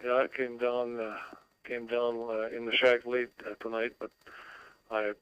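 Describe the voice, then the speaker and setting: A man from Canada gives a casual, halting radio check-in, often repeating himself. His mid-range voice is very clean and dry over a two-way radio link with static. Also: mid-range voice, monotone, smooth, no room sound, muffled recording. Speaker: amateur radio operator checking in. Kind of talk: casual ham radio chat.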